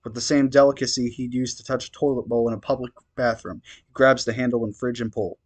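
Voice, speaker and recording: A man's voice: medium pitch, flat delivery, quick pace. A man reading fan fiction aloud, stumbling over words now and then and adding wry asides. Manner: reads steadily, stumbles and adds wry asides. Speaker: reader.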